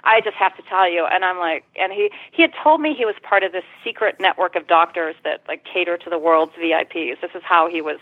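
A woman's voice: on the low side, a little fast, few pauses, dry recording. A woman guest telling a personal story in conversation, retelling it vividly and swearing freely. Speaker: interview guest. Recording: tinny phone-line sound.

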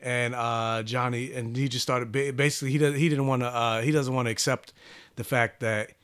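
A man's voice: mid-range voice, fairly even intonation, fairly quick, fairly bright tone, clean tone. A man on a podcast casually recapping a comic book, rambling with many fillers and restarts. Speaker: podcast host reviewing comics.

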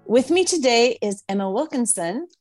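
A woman's voice: fairly high pitch, animated, normal speed, darkish tone, soft background music. A woman, hosting a casual interview podcast in a chatty, rambling way. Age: 60s.

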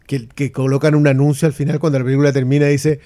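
Un hombre con acento chileno, copresentador de un pódcast, que comenta películas en una charla informal y repite palabras al arrancar las frases. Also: male voice, mid-range voice, flat delivery, dark tone. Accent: Chilean Spanish. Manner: talks fast, repeats words, restarts often. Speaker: podcast co-host. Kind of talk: casual film review chat.

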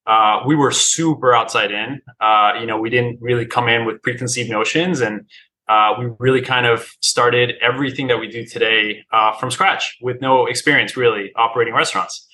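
Bright-voiced male guest from Colombia. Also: medium pitch, steady tone, normal speed, low-quality recording. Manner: friendly, hesitant with many "uh" fillers. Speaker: restaurant co-founder and co-CEO. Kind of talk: interview guest.

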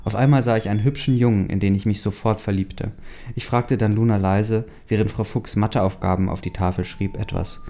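A man's voice: on the low side, steady tone, fairly quick, dark tone. A man casually reading a fan story aloud, hesitant, with many fillers and chatty asides. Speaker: story reader.

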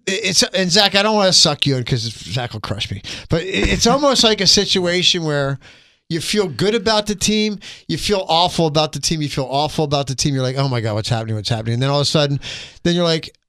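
A man hosting a radio sports show, his voice bright and ringing, swinging up and down through a lively, animated pitch. He teases the panel and laughs often, speaking into a studio mic. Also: fairly quick, no echo. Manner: joking, teasing, laughs often. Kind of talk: casual sports radio banter. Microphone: studio microphone.

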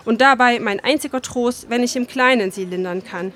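A woman reading the part of a gentle, kind young woman from a wealthy family, speaking mildly and a little timidly. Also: on the high side, moderate pace, natural voice.

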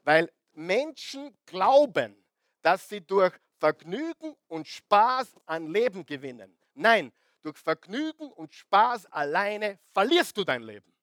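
Speaking slowly in a high-pitched voice, a middle-aged pastor preaches an energetic sermon, often questioning his listeners and moving from loud to soft. The recording is dry.

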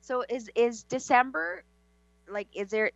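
A woman giving psychic readings on a call-in show in a halting, conversational way, repeating words. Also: fairly high pitch, expressive, creaky, no echo. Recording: dull, slightly lo-fi sound.

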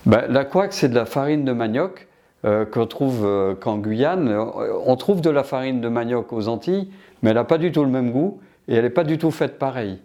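A man's voice: medium pitch, animated, normal speed, warm tone. An older man from Martinique answering interview questions about his business, hesitant with many restarts.

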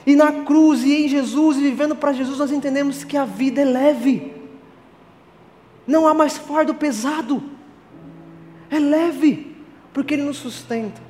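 A man's voice: extremely high pitch, fairly even intonation, measured pace, long pauses, a little mellow. A man preaching an earnest sermon, telling illustrative stories with emphatic delivery. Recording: long reverb, faint music.

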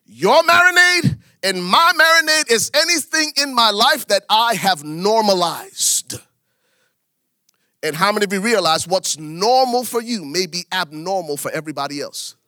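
A middle-aged preacher from Liberia delivers his sermon in a bright, forceful voice that sits a little high for a man. He leans on repetition, swinging his pitch and volume widely to drive each point home. The sound is close and dry. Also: lively intonation, moderate pace, no room sound. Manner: preaching with big swings in pitch and volume, repeating phrases for emphasis. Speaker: pastor.

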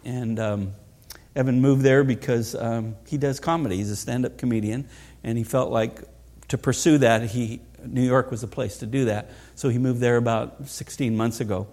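A man's voice: mid-range voice, fairly even intonation, normal speed, a little mellow. A middle-aged man preaching a sermon as pastor, earnest and asking rhetorical questions.

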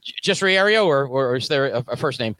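Lively stammering New man host. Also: mid-range voice, fairly quick, no echo. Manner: stammering, repeats words, laughs often. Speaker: podcast host. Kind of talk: casual podcast chat.

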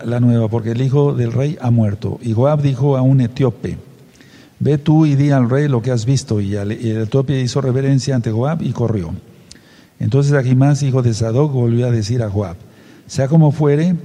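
A man's voice: mid-range voice, warm tone, long reverb tail. A man leading a Bible study, reading scripture aloud and stopping to explain it and question his listeners. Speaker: Bible teacher.

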